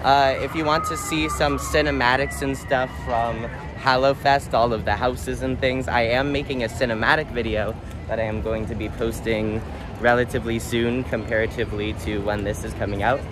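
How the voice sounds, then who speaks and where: A man's voice: medium pitch, little pitch movement, moderate pace, background noise. A young man talking through a face mask, vlogging in casual, rambling, joking chat at an outdoor theme park. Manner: rambling, joking, lots of fillers.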